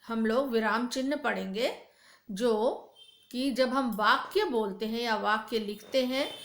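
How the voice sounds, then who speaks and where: A woman's voice: on the high side, a bit bright, reverberant. A woman teacher explaining a lesson to children in a patient, repetitive way. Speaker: school teacher.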